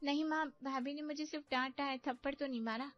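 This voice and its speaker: A woman's voice: high voice, moderate pace, lo-fi sound, soft background music, pitched above the performer's own voice, close to an everyday voice. A woman voicing a sly young married daughter who needles her sister-in-law with insinuations.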